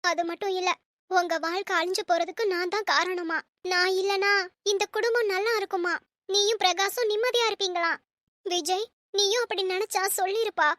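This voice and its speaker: A woman's voice: extremely high pitch, fairly even intonation, normal speed, fairly bright tone, no room sound, clean studio sound. A woman playing a worried, scheming middle-aged mother in a family drama skit, speaking in a plaintive, pleading way.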